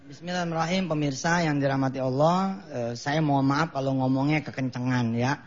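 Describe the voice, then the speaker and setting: A middle-aged Indonesian man with a Jakarta Betawi accent giving a lively, joking sermon in a mosque, acting out the voices of the people in his stories. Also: mid-range voice, fairly quick. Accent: Betawi-flavored Jakarta Indonesian. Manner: lively, jokey, acts out quoted voices, laughs at own jokes. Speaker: preacher. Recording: dull lo-fi broadcast recording.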